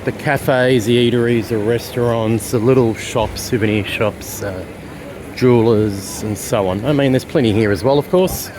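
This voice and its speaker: A man from Australia with an Australian accent, chatting casually as he narrates a walking tour outdoors on city streets. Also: mid-range voice. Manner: chatty, rambling, with fillers. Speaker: travel vlogger. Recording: street noise behind.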